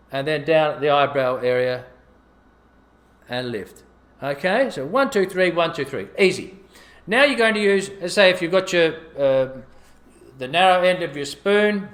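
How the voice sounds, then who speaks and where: A man's voice: fairly high pitch, a bit bright. A man casually demonstrating a facial gua sha routine, counting his strokes aloud as he works.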